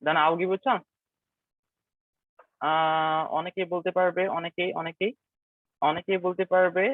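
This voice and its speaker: A man leading a live online pronunciation lesson, drilling words slowly and repeating them, with English phrases mixed in. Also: sits high, little pitch movement, no echo. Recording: tinny, dry online call audio.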